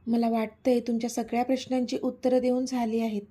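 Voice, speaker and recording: A woman's voice: a little high, little pitch movement, brisk, dark tone, slightly rough. A woman voicing an angry defiant young heroine. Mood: irritated defiant. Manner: irritated, defiant.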